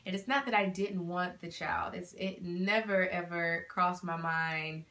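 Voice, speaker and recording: A young woman vlogging, telling a heartfelt personal story with animated swings between hushed and excited delivery. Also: fairly low pitch, a little slow. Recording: echoey room.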